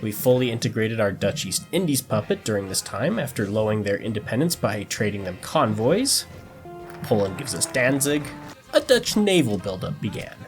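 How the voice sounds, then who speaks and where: A man's voice: fairly low pitch, sing-song, normal speed, soft background music. A man narrating a strategy game campaign in a mock-dramatic storytelling tone, breaking it with dry joking asides.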